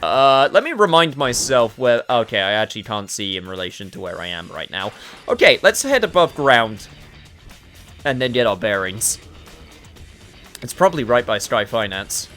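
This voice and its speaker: A man's voice: mid-range voice, big pitch swings, normal speed, bright, forceful tone. A young man giving chatty, sweary, casual commentary over a video game he is playing. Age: young adult. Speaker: gaming video host. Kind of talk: casual gameplay commentary with game lines read aloud. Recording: music behind the voice.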